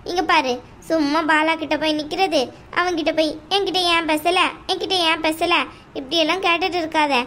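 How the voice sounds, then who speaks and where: A woman's voice: very high-pitched, a bit bright, a little hiss or hum. A woman voicing a scheming, domineering middle-aged mother-in-law who talks in a scornful, taunting way in an amateur audio drama. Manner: scornful, bossy, drawn-out taunting.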